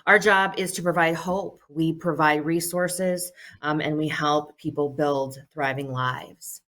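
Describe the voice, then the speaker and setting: A woman's voice: low voice, fairly even intonation, unhurried, a bit bright. A middle-aged woman leading a social services agency, giving earnest prepared remarks at a telephone town hall with frequent "um"s. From United States. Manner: earnest, many "um" fillers.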